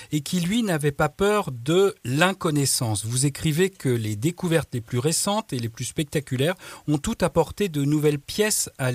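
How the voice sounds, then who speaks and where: A man hosting a radio interview, speaking haltingly with frequent hesitations. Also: mid-range voice, no echo. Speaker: radio host.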